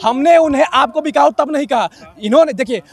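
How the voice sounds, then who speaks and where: Hindi-accented man, high gravelly voice, heated argument at a rally, keeps repeating to hold the floor. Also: a little fast. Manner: insistent, repeats himself, talks over others. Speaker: farmer at a rally. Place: outdoor rally crowd.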